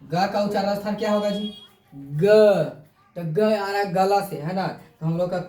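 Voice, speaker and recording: A man's voice: high-pitched, fairly quick, darkish tone. A man teaching a grammar lesson, repeating his points and quizzing with rhetorical questions, recorded from a distance in an echoey room.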